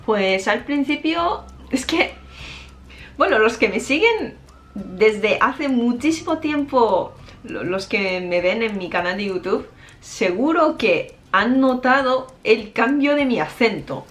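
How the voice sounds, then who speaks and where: A woman's voice: fairly high pitch, slow. Woman speaking fluent Spanish. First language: Japanese. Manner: animated storytelling, frequent laughs and fillers. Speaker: interview guest; Spanish teacher. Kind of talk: casual interview chat.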